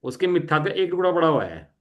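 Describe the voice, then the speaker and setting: Man teaching a class, slow and deliberate. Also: a little high, very animated, dull audio. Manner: slow, deliberate reading of definitions, checks understanding. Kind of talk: classroom teaching with questions to students.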